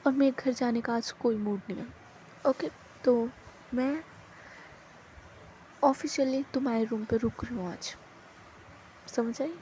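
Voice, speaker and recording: A woman's voice: fairly high pitch, mellow, a little hiss or hum, close to an everyday voice, low-quality recording. A woman voicing a bold, stubborn young woman who speaks firmly and insistently.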